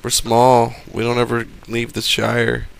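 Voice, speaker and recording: A man voicing small timid homebody hobbits as a flat mocking parody in a game video. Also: medium pitch, a little slow, creaky, clear, resonant tone.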